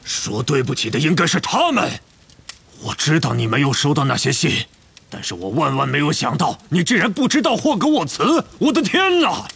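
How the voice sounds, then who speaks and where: A man playing a huge half-giant groundskeeper with a gravelly, raspy voice that swings wildly from low grumbles to booming roars. He is hot-tempered and blustering, a storybook giant through and through. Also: sing-song, moderate pace, full character voice. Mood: furious. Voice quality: gravelly, rough. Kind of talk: audiobook character reading.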